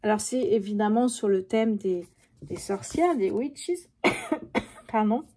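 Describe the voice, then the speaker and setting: A woman's voice: mid-range voice, expressive, takes it slowly, dark tone, slightly rough. A middle-aged woman, chatting casually to viewers during a tarot reading, full of fillers and asides. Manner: chatty, addresses viewers directly, many fillers. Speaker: tarot reader.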